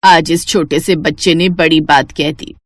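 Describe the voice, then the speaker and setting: A woman's voice: low-pitched, fairly even intonation, measured pace, no echo, studio quality. A woman voicing a bossy but caring grandmother and mother-in-law in a Hindi cartoon, giving orders and scolding. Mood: reflective. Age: older. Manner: scolding, instructive.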